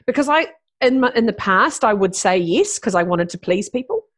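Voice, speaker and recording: A woman's voice: mid-range voice, expressive, normal speed. A woman in her fifties, talking as a guest in a casual interview, blunt and brash, swearing freely and laughing often. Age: 50s. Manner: driven and brash.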